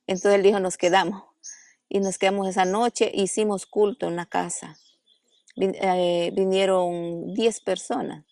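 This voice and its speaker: A woman's voice: mid-range voice, flat delivery, measured pace, creaky, a little mellow, no room sound, studio quality. A woman pastor from the Amazon jungle giving her testimony in an interview, telling the story and acting out the quoted dialogue, recorded at a family house in a jungle village. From Amazon jungle region.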